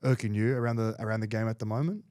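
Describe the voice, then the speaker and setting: A man's voice: on the low side, racing, a little mellow, no echo, studio quality. A man hosting a casual interview, talking in an informal, slangy way. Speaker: podcast host.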